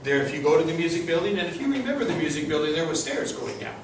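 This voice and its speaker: Leading a campus tour as an informal storyteller, a middle-aged man with a fairly high voice talks very fast, with big pitch swings and vocal fry. He speaks conversationally and checks in with listeners through questions. The group-tour recording is distant, very echoey and noisy, with him far from the microphone.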